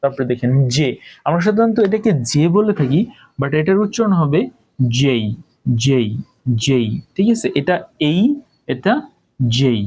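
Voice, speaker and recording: A man from Bangladesh, teaching phonics in a spoken lesson. He says each letter sound slowly several times and keeps asking the listener whether they follow. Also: high-pitched, lively intonation, darkish tone, husky. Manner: repeats sounds slowly, checks with questions.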